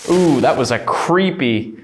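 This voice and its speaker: A man's voice: mid-range voice, animated, noisy background. A man on a ghost hunt, uneasily describing the voices and presences he notices. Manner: slow, uneasy remarks on what he hears. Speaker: paranormal investigator. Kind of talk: reacting during a ghost hunt.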